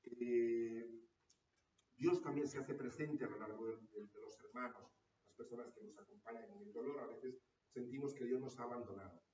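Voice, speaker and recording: A man's voice: mid-range voice, normal speed, a little mellow, a little hiss or hum. A man, a parish priest, giving a teaching talk to parishioners and checking in with his listeners through a frequent questioning tag. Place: parish hall or church room. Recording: roomy, distant, dull sound.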